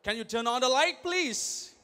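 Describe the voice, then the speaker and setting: High-voiced young man rallying a crowd. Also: moderate pace. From Thailand. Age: young adult. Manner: energetic, keeps firing questions at the crowd. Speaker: convention speaker. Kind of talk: motivational stage speech. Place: large convention hall.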